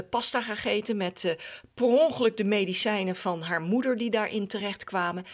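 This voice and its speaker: A woman who is a former professional tennis player, giving frank, opinionated match analysis with frequent hesitation fillers. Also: medium pitch. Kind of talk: studio sports analysis.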